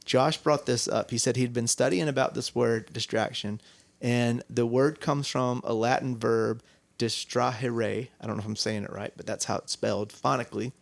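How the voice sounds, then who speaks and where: A man co-hosting a relaxed church podcast. His voice sits in a middle range and is recorded dry and close. He tells stories in a loose, rambling way, often stopping to correct himself. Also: mid-range voice, normal speed, gravelly, no echo. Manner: rambling storyteller, self-correcting. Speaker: co-host. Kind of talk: casual podcast chat.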